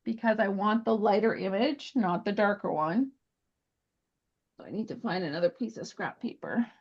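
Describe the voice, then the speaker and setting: A woman leads a live stamping class in a chatty, friendly way, talking viewers through each step at a relaxed teaching pace. Her voice sits at an ordinary middle pitch. The sound is a little dull and lo-fi, like a home livestream. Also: normal speed, breathy edge. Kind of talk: live crafting class replay.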